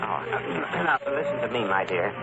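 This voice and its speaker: An actor in 1940s radio style playing a fussy, timid gentleman, prim, hesitant and evasive. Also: on the low side, expressive, measured pace. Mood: nervous, prim. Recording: dull old radio recording, loud music behind.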